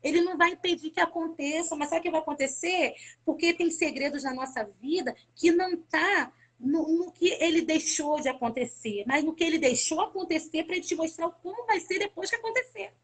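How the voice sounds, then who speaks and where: A woman's voice: very high voice, a little fast, hardly any pauses. A woman from Brazil giving an emotional personal faith testimony as a guest on a live stream, talking fervently and repeating words for emphasis.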